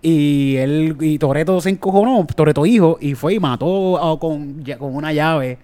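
A man with a Puerto Rican accent hosting a casual comedy podcast, telling stories in an animated way and laughing often. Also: on the high side. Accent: Puerto Rican Spanish. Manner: animated, storytelling, quick to laugh. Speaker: podcast host.

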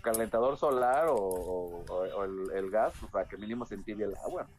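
A man's voice: on the low side, animated, moderate pace, a crowd in the background. A man, a podcast guest rambling through a story with many fillers. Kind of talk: casual podcast chat.

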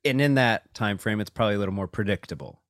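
A man's voice: on the low side, quick pace, a bit bright, dry recording, clean studio sound. A man hosting a casual video call chat, talking in a thoughtful, hedging way with many fillers.

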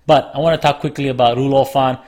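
A man co-hosting a relaxed chat show, his voice a little hoarse and rough from a lingering sore throat. He talks in loose, rambling stretches and often restarts his sentences. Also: mid-range voice, fast talker. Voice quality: slightly rough, smoker-like. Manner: rambling, self-correcting. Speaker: podcast co-host. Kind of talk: casual chat.

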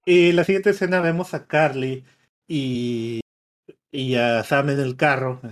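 A man's voice: mid-range voice, a little slow. A man with a Mexican accent, casually recapping a movie plot and acting out the lines. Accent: Mexican Spanish. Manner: animated storytelling, acting out quotes.

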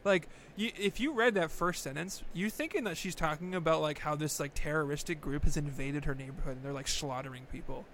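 A man's voice: on the high side, brisk, hardly any pauses, a bit bright, slight background noise. A man co-hosting a podcast, telling self-mocking stories in casual comedic chat, stammering and laughing as he goes. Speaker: podcast co-host.

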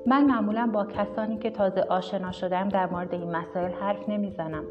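A woman's voice: medium pitch, fairly even intonation, natural voice. A woman reading a questioning male TV interviewer. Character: famous male TV interviewer, cautious then bold. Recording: dull recording with music behind.

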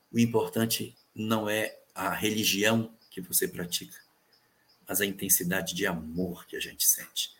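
A man answering viewer questions in a calm, measured explanatory talk, repeating key phrases for emphasis. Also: on the low side. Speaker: spiritist guest answering questions.

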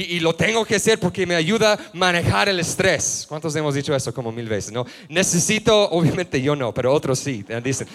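Hombre predicando en tono coloquial. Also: male voice, sits high. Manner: casual storytelling, slang-filled, many restarts and quiet asides. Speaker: pastor. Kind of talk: sermon.

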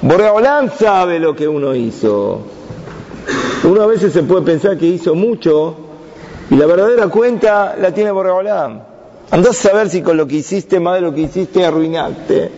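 A man's voice: sits high, animated, normal speed, mellow. A man teaching a Torah lesson to young students, asking the class questions and answering them himself. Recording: dull sound with long reverb.

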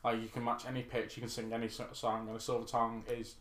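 A man's voice: medium pitch, completely flat delivery, quick pace, fairly bright tone, reverberant. A man co-hosting a podcast in casual banter, reading out would-you-rather questions, swearing freely and laughing often. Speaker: podcast co-host.

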